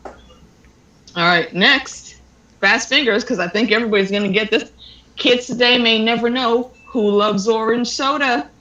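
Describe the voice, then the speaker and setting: A playful quizmaster runs a casual online trivia game, teasing players and drawing out each question. The voice is bright and pointed. It echoes as if in a bare room. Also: medium pitch, moderate pace, muffled recording.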